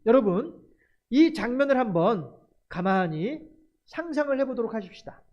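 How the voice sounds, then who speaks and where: A pastor preaching a Sunday morning sermon in a church, speaking slowly and deliberately and often asking the congregation rhetorical questions. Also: mid-range voice, sing-song, a little mellow, dull audio. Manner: slow, measured delivery with many rhetorical questions; acts out parents' voices in quoted asides. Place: church sanctuary.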